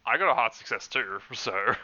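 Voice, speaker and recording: A man's voice: medium pitch, animated, moderate pace, sharp tone, dry recording, highs cut off. A man playing in a tabletop game, laughing often and asking rule questions. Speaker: player. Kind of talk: casual tabletop chat.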